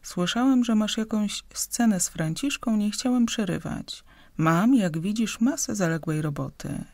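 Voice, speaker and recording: A woman reading an audiobook, voicing a phlegmatic male doctor who answers curtly and calmly. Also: medium pitch, measured pace, gravelly, no room sound, studio quality, voice pushed up. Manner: curt, calm, flat replies. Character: phlegmatic terse middle-aged male doctor.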